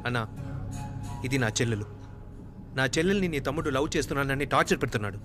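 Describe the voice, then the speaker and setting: A man's voice: mid-range voice, animated, very fast, music in the background, lightly acted. An actor playing a protective young man who speaks up for his sister. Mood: earnest. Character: protective young male hero, older brother.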